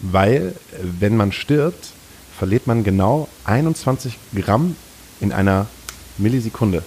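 A male podcast host with a somewhat low voice chats loosely and cracks jokes with his co-hosts. A faint hum of noise sits behind him. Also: animated, measured pace, darkish tone. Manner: joking, playful. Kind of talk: casual chat.

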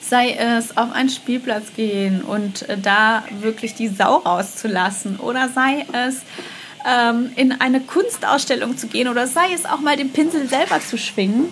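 A woman speaking directly to the listener in a motivational self-love monologue, gentle and affirming, often repeating her phrases and dropping in a soft "ja". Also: a little high, moderate pace, slight background noise. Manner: gentle, affirming, repetitive phrasing with many "ja" fillers.

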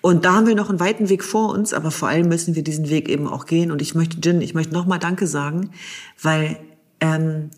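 A husky-voiced speaker arguing a point in an impassioned conversation. The delivery is emphatic and urgent, with key phrases repeated for weight. The pitch sits at a middling height. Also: fairly even intonation, brisk. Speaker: discussion partner.

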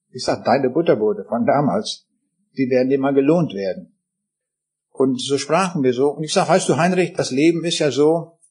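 Husky older man telling his testimony. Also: mid-range voice, a little mellow. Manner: earnest, retells conversations with quoted dialogue. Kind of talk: personal testimony storytelling.

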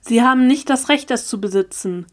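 A woman's voice: a little high, fairly quick, lightly acted. A woman reading aloud, voicing a scheming, persuasive young male sorcerer who talks down insistently. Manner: condescending, insistent, impatient.

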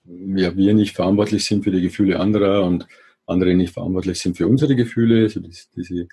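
Deep dark-voiced man summing up calmly. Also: fast talker, slightly rough. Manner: calm, sums up what he heard. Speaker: conversation partner.

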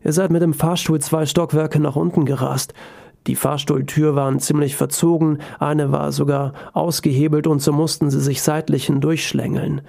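A man's voice: on the high side, little pitch movement, moderate pace, gravelly, dark tone. A man reading a matter-of-fact firefighter.

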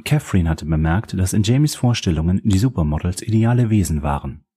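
A man narrating a crime novel as an audiobook, in a steady, measured reading voice. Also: sits low, husky.

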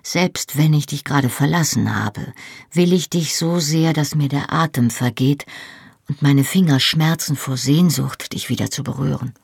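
A reader voicing a tender, teasing young Scottish husband in an audiobook, speaking softly and intimately, often in a whisper. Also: medium pitch, moderate pace, gravelly, breathy edge, dry recording, studio quality. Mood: intimate, playful. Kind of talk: audiobook reading.

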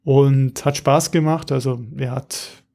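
A middle-aged man, reminiscing in a casual podcast chat, reflective and halting. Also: medium pitch, fairly even intonation, gravelly, warm tone. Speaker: podcast co-host.

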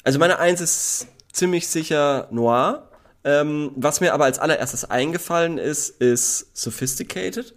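A man chatting casually about favourite words, rambling with many fillers and quick bursts of speech. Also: fairly high pitch. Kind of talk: casual chat.

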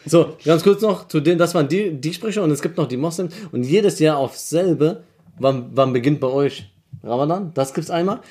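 A man co-hosting a podcast in casual chat, animated and joking, swearing freely. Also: a little high, normal speed. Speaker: podcast co-host.

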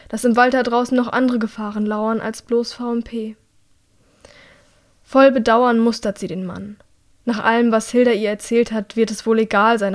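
A woman reading a novel aloud in calm, measured narration. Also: on the high side. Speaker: audiobook narrator. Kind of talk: scripted narration.

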